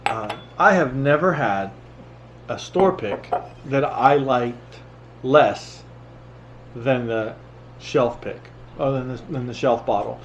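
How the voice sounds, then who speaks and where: A man's voice: medium pitch, takes it slowly, long pauses, dull audio, a little hiss or hum. A man co-hosting a tasting video, giving his impressions in casual conversation. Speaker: co-host of a bourbon tasting show. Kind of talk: casual chat, tasting review.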